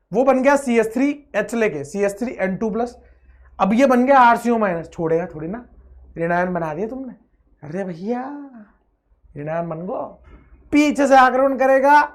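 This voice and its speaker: A man teaching a chemistry lecture with energy and playfulness. He stretches out words, chants repeated phrases, and swings between loud outbursts and quiet asides. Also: high voice. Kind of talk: online exam-prep lecture.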